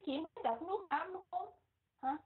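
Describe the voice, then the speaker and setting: A woman with a Vietnamese accent teaching English pronunciation, repeating words slowly and switching between English and Vietnamese. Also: extremely high pitch. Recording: muffled, phone-like lo-fi audio.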